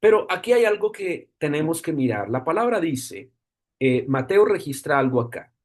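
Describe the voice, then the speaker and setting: A man preaching a sermon in an animated way, slowing down for emphasis and acting out the people he quotes. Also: fairly high pitch. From Colombia. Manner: animated, acts out quotes with dramatic slow emphasis.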